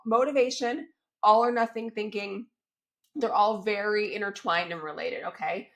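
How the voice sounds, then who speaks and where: Despite a cold that makes her voice crackly and a bit squeaky, this fitness coach stays upbeat and chatty on her solo podcast, at a moderate pace with a fairly bright tone. She keeps checking in with listeners using "right?" and "okay?"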